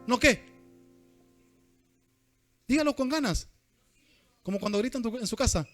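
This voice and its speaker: An Argentine man preaching a sermon in a notably high voice. He is animated and keeps throwing questions out to the congregation. Soft music plays faintly underneath. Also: quick pace. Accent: Argentine Rioplatense Spanish.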